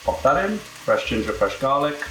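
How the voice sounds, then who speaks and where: A man's voice: medium pitch, sing-song, moderate pace, fairly bright tone, reverberant, a little hiss or hum, poor audio. A British man with a camp, cheeky manner, casually presenting a cooking demonstration as a home cook. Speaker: home cook presenting own recipe show. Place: indoor kitchen.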